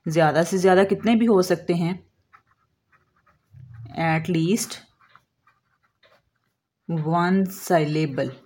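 Slow, deliberate woman teaching a lesson. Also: fairly low pitch, darkish tone, breathy edge. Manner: slow, deliberate, drawing out English example words; asks questions and answers them herself. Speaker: English teacher. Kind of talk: explaining lesson.

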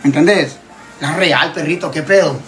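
Man, Honduran accent, high-pitched, heated casual rant, swears a lot, repeats himself. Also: moderate pace, a bit bright, faint music behind. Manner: emphatic, repetitive, swears freely. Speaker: TikTok creator.

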